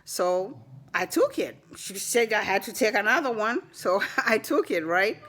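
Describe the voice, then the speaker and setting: An older woman telling a personal story to the camera with indignant, animated energy and laughs. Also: medium pitch, measured pace. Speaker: vlogger.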